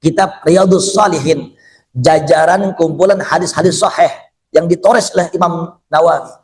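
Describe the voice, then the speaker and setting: A man preaches to an audience in a high, lively voice. He tells a story, swings between quiet asides and sudden shouts, and keeps asking the audience whether they follow. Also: moderate pace. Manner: addresses the audience directly and often. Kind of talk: sermon.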